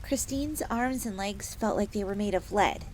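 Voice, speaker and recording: In an audio roleplay, a woman voices a polite, eager fox maid assassin who tells her own tale in the third person, with a genteel manner and earnest storytelling mood. Her voice is mid-range with a darkish tone, delivered at a normal speed and only lightly acted. A fire crackles in the background.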